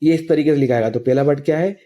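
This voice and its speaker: A man is teaching English grammar at a patient, steady pace. He keeps asking a question and answering it himself. His voice sits a little high and sounds very dark and mellow. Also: dull audio. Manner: slow, patient explanations. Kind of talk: classroom lesson explaining grammar.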